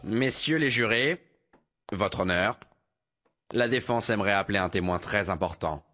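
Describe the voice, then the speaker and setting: Composed defense lawyer, formal courtroom tone, dubbed drama, faint music. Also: male voice, on the low side, moderate pace, bright, forceful tone. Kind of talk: dubbed telenovela acting.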